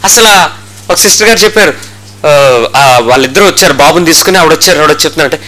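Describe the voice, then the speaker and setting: A man's voice: on the high side, expressive, racing, a crowd in the background, poor audio. A man preaching a sermon as a pastor in a church, firing rhetorical questions and acting out the stories he tells. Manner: impassioned preaching with rhetorical questions and retold dialogue.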